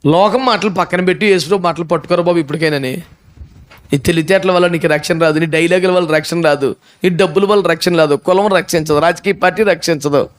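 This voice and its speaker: A male pastor preaching a sermon with animated storytelling. He fires off mocking rhetorical questions and acts out the people in the story. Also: a little high, fast talker. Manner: animated storytelling, acting out characters.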